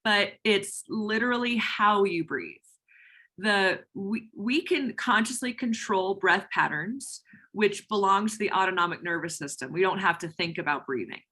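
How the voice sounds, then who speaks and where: A woman yoga instructor explains her training methods in a brisk, emphatic, teacherly way. Her voice has a clear, bright edge, and her pitch sits in the middle range. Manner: energetic, emphatic teacher's delivery. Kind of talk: explaining on a call-in Q&A.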